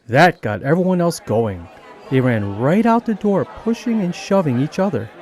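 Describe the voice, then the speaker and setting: A man narrates an animated children's story, reading with a lively, expressive delivery. His voice sits at a middle pitch and rises and falls a great deal. Music plays clearly behind him. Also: normal speed, a faint crowd. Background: background music.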